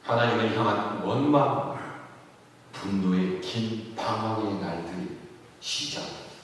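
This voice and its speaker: Korean pastor preaching in an echoey hall. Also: male voice, on the low side, a little slow, a little hiss or hum. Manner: earnest storytelling, swells in intensity at moments of grief. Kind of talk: sermon storytelling. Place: church sanctuary. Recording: echoey church hall from far off.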